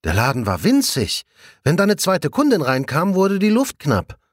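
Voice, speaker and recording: A man's voice: a little high, wildly swooping pitch, moderate pace, dry recording, studio quality, pitched above the performer's own voice. A man doing a gossipy, chatty policewoman. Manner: chatty, giggly. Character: chatty female police colleague, gossipy and cheerful.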